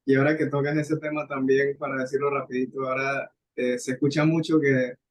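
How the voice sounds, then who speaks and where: A man's voice: medium pitch, level tone, fairly quick. A young man, a student, co-hosting a casual podcast in an agreeable, chatty way. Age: young adult.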